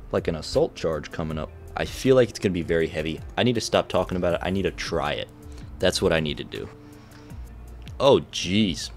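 Man, very low voice, casual snack-review vlogger, jokey overdone reactions, faint music behind. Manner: joking, exaggerated disgusted reactions. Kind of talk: casual taste-test chat.

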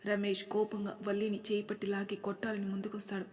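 A woman narrating an audio story in a steady, dramatic way. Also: mid-range voice, fast talker, big-room sound.

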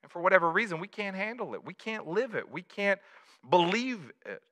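A man pastor preaching a conversational sermon, swinging from loud emphatic build-ups to soft low confessions, with repeats and stumbles. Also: sing-song, a little fast. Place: church livestream.

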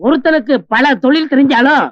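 A meek agreeable sidekick. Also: male voice, very high-pitched, a little fast, no room sound. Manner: deferential, eager to agree. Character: meek younger sidekick who agrees with his elder. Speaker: comic sidekick in a film. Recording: dull lo-fi film soundtrack.

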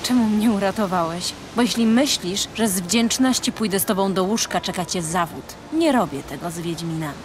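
A woman's voice: mid-range voice, brisk, few pauses, background noise, natural voice. A woman voicing a proud, sardonic succubus in a video game, with a haughty, teasing way of talking. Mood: bitter, scornful.

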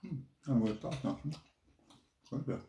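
A man's voice: mid-range voice, sing-song, moderate pace, creaky, dark tone, a little hiss or hum. A man co-hosting a home vlog, chatting casually and making short laid-back remarks while he chews his food. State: talking while chewing. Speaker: vlog co-host. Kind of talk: casual food review chat. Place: indoors at home. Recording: echoey room.

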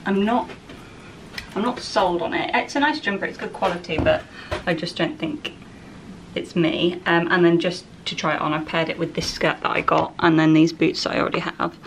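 A woman's voice: fairly low pitch, normal speed. A young woman chatting casually through a clothing try-on haul at home, rambling with lots of "like" and "um". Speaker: fashion vlogger. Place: home, indoors. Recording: distant camera mic with steady background noise.

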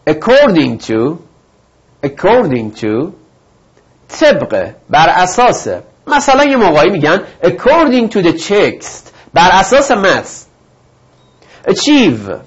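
A man's voice: fairly high pitch, a bit bright, husky, muffled recording. A male teacher giving a recorded vocabulary lesson, reading each word twice before explaining it and speaking directly to his students. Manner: reads each word twice, then gives its meaning; encouraging, addresses students directly. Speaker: English teacher.

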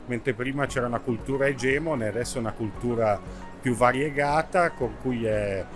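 Middle-aged guy talking at a book fair booth, even pitch, music under it. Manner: thoughtful, with pauses and fillers. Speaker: publisher at a book fair stand. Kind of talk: interview answers. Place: indoor exhibition hall.

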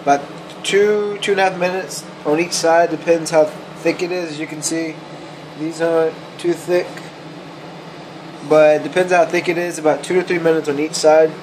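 A young man talks through his cooking on a handheld camera in his kitchen, easygoing and plain-spoken, with a fair number of ums and uhs. His voice sits a little high for a man. The audio is noisy, with a steady appliance hum behind him. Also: moderate pace. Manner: relaxed, matter-of-fact, uses fillers. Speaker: vlogger. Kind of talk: casual cooking vlog. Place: home kitchen indoors, then a car. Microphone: handheld camera close, at times set down.

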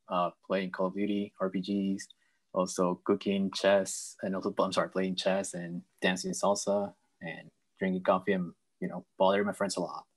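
Young man from Peru, lowish voice, earnest halting video-call intro. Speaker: mentorship coordinator. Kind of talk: casual club meeting introduction.

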